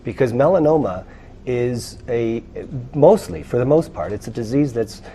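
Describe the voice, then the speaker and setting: A man's voice: mid-range voice, lively intonation, moderate pace, mellow, slight background noise. A man on a charity board, explaining his foundation in an earnest way with some fillers.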